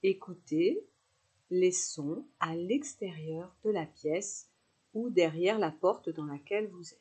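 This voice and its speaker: This yoga nidra teacher talks listeners through a guided relaxation with calm, unhurried instructions, pausing between phrases. Her lowish voice is mellow and husky, and her intonation is lively.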